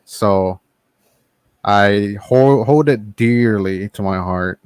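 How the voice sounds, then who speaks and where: Low, smooth-voiced hesitant man. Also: drawn-out words, darkish tone, no echo, clean studio sound. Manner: hesitant, many ums and uhs. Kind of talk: casual group chat.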